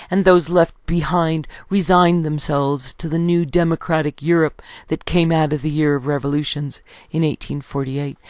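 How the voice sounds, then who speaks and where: A woman reading her own history book aloud in a steady, measured way, citing page numbers as she goes. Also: sits low, no echo, clean studio sound.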